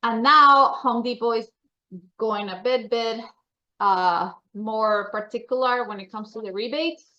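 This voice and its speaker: A membership association staffer with a Colombian accent gives informal, chatty, upbeat announcements to members at a meeting. Her voice is on the high side, bright and forceful, at a measured pace, and the recording cuts off the highs.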